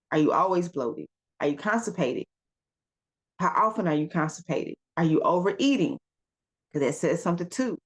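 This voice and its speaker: Wellness coach, woman, lowish voice, emphatic questioning delivery, casual. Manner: asks rapid rhetorical questions, calls listeners y'all and baby. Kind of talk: casual self-help talk.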